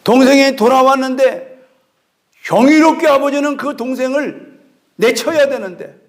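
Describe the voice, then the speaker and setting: A man's voice: very high voice, unhurried. A man preaching a sermon as pastor, telling a story with acted dialogue and calling out to the congregation. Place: church sanctuary.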